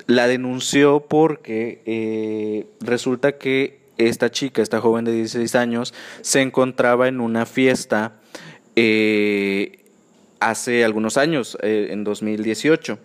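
Man, Mexican accent, sassy and campy, gossipy podcast host, casual chat, mid-pitched voice. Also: fairly even intonation, slow pace, clean tone. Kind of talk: casual pop-culture news chat.

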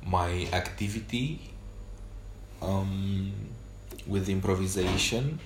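Speaking unscripted for his solo podcast journal, this host is a native Romanian speaker whose delivery is hesitant, full of pauses and fillers. His voice is low, and the recording sounds roomy with a little hiss or hum.

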